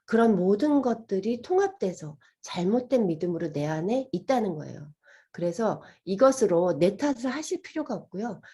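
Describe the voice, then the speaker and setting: Breathy, lively woman lecturer. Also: mid-range voice, normal speed. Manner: animated, asks listeners questions and acts out inner voices. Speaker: meditation and healing lecturer. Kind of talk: gentle lecture to an audience.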